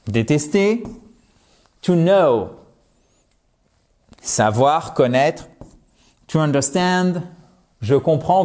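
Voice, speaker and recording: A man teaching a language lesson online, talking straight to his viewers in a lively, emphatic way. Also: mid-range voice. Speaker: English teacher.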